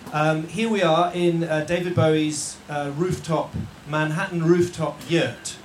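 A man hosting a live show to an audience in a yurt venue, jokey and halting, with many restarts and fillers. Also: fairly high pitch, fairly even intonation. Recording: roomy tent echo, faint noise.

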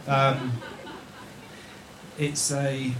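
Brief: male live-event host, mid-pitched, wry and stop-start, recorded in an echoey yurt. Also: monotone. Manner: jokey, halting, with many restarts and fillers. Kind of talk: live stage hosting to an audience. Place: yurt venue with a live audience. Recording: roomy tent echo, faint noise.

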